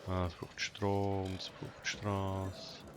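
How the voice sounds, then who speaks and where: A man giving casual, rather monotone game commentary, muttering to himself and repeating words. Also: sits low, very slow, music in the background. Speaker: gamer doing a let's play. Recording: noisy home gameplay recording. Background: loud game ambience and vehicle sounds.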